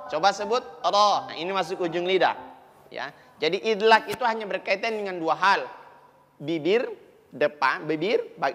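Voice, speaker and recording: An Indonesian man leads a children's TV lesson on Arabic letter sounds, patiently repeating each sound so the children can copy it. His voice is bright and unhurried. The studio carries a long reverb, with faint music underneath. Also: high voice. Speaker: Quran recitation teacher.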